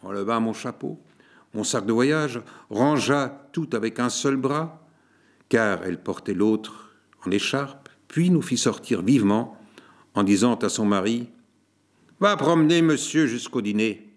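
A man reading a literary story aloud as narrator, in a measured, deliberate way. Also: medium pitch.

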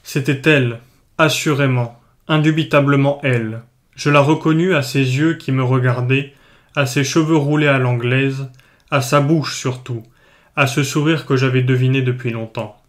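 A man narrating a literary story in a measured, lyrical reading. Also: mid-range voice, fairly even intonation.

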